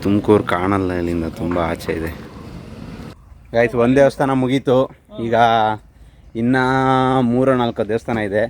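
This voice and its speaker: A man's voice: fairly low pitch, steady tone, moderate pace, long pauses, a little mellow, a little hiss or hum. A man chatting casually to the camera on a temple road trip with friends, joking as he walks around outdoors. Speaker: vlogger. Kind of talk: casual travel vlog chat.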